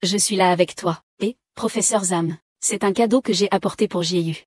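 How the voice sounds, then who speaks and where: A woman voicing all the parts of a dubbed drama. Her pitch sits in the middle, and the recording is close and completely dry. Her reading is even and steady. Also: moderate pace, breathy edge, no echo. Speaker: dubbing voice for all roles.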